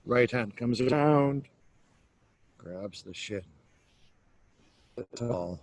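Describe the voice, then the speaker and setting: A man leading a yoga class, calmly cueing each stretch step by step. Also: mid-range voice, a little hiss or hum. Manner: slow, calm cueing of stretches. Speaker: yoga teacher. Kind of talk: guided yoga instruction.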